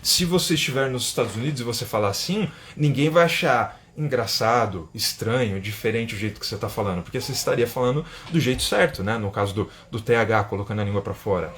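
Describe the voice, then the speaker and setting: A Brazilian English teacher with a Brazilian Portuguese accent runs an Instagram live lesson on a phone or webcam, chatting quickly with few pauses. His mid-range, fairly bright voice keeps ending sentences with a questioning "né?" as he reads viewer comments aloud.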